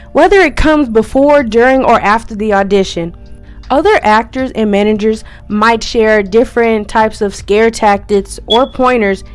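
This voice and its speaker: A young woman vlogger sharing friendly, encouraging tips as a first-year scare actor, in a chatty, upbeat way. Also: on the high side. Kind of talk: friendly tips vlog, partly scripted.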